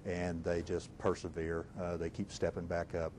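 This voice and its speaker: A man in his forties giving halting interview answers outdoors by a factory gate, with many fillers and restarts. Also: deep voice, monotone, a little mellow, slight background noise.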